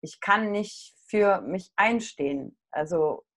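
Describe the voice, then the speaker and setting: A middle-aged woman, a coach, telling a personal story in casual conversation, candid and animated. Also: mid-range voice, takes it slowly.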